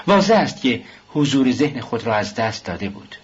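Earnest, chatty police clerk, read by a man; husky voice, muffled audiobook sound. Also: medium pitch, big pitch swings. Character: eager male police office clerk, talkative. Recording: dull lo-fi recording.

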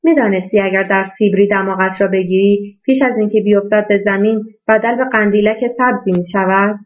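A woman's voice: medium pitch, fairly even intonation, close to an everyday voice. Wry joking teenage boy, read by a woman. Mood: teasing. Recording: tinny phone-like sound.

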